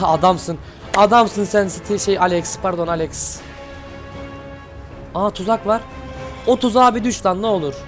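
A man with a high-pitched voice delivers lively reaction commentary, cheering and shouting at what he watches in loose, slangy talk. Soft music plays faintly behind him. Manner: animated, shouts at the screen, slangy. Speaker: channel host reacting to an animation.

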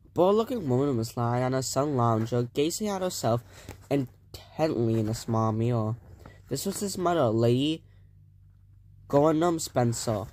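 A man's voice: medium pitch, lively intonation, normal speed, a little mellow. Man reading a children's book aloud. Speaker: reader.

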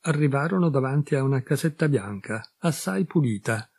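A male audiobook reader with an Italian accent and a slightly husky voice, telling a classic story in measured, expressive phrases. The sound is dry and close, with no room around it, and his pitch sits mid-range. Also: no room sound. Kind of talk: scripted literary narration.

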